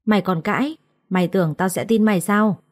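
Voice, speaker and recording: A woman's voice: medium pitch, brisk, lightly acted. A woman storyteller voicing a stern, domineering old mother-in-law who gives harsh, scolding commands.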